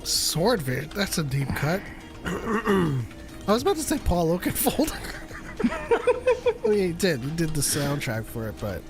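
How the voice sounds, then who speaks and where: A man's voice: a little high, big pitch swings, a little slow, long pauses, music in the background. A man co-hosting a casual live call-in show, chatting loosely with frequent restarts and easy laughter. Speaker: podcast co-host. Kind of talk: casual live-stream chat.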